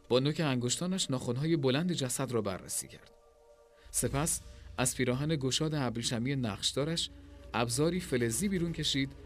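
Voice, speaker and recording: Man reading a story aloud. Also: mid-range voice. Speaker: narrator. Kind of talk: storytelling narration.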